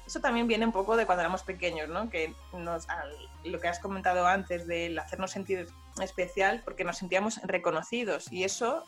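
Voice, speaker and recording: Emphatic low-voiced woman. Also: fairly quick, soft background music. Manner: animated, emphatic. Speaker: podcast co-host. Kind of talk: casual podcast chat.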